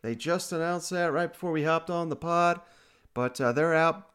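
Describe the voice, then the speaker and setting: A man's voice: fairly high pitch, normal speed, fairly bright tone, clean tone. A man hosting a podcast, talking sports in a casual, conversational way. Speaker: podcast host.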